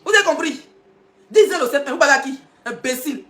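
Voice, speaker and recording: A woman rants on a live stream, mocking her critics and firing off rhetorical questions between laughs. Her voice sits high and she rattles the words off at great speed. The sound bounces around an echoey room. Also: animated, fast talker, sharp tone. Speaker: social media live streamer. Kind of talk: heated live-stream rant.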